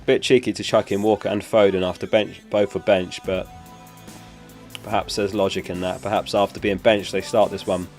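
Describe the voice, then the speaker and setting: A young streamer host with a deep, level voice chats casually at normal speed, answering questions from chat while he recovers from having lost his voice. Faint music plays behind him.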